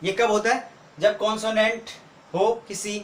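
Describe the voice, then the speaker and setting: High-voiced teacher in an echoey room. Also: male voice, flat delivery, a little slow, fairly bright tone. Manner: explains step by step with many rhetorical questions. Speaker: English teacher. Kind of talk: video lesson. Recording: echoey room with faint noise.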